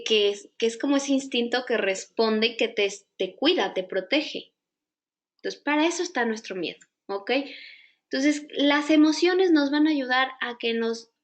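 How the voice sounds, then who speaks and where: A woman's voice: a little high, lo-fi sound. A woman with a Mexican accent, teaching a live online psychology class in a conversational way and asking her audience many questions. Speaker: psychology instructor.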